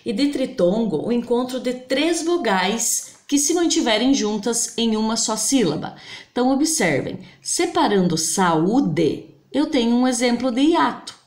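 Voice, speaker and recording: A woman teaching a grammar lesson, slowly spelling out example words syllable by syllable. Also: a little high, animated, darkish tone. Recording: roomy echo.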